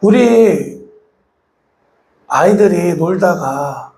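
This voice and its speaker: High-voiced male pastor preaching. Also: expressive, extremely slow, gravelly, a little mellow, echoey room. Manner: asks the congregation rhetorical questions, acts out quoted voices. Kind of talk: sermon.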